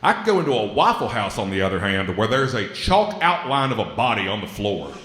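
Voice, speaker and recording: A man with a West Virginia Appalachian accent doing a stand-up comedy set on a club stage, drawling and self-deprecating with deadpan asides. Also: lowish voice, fairly quick. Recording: roomy hall, reverb.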